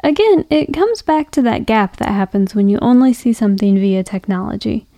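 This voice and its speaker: A woman podcast host with a fairly high but mellow voice, recorded dry and close. She reads scripted narration at a measured, reflective pace. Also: expressive, no room sound.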